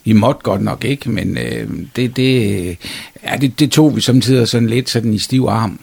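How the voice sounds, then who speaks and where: A man's voice: fairly low pitch, animated, vocal fry, darkish tone, slightly rough, no room sound. A male historian, answering interview questions hesitantly, with many fillers and restarts. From Denmark. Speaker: historian guest.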